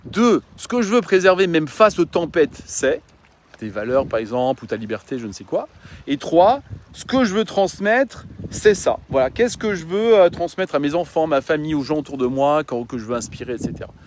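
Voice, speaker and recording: Earnest French-speaking man, higher voice. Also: big pitch swings, moderate pace, darkish tone, a little hiss or hum. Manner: earnest, reflective, with many fillers and restarts. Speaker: coach and mountain guide. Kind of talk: casual informal talk to followers.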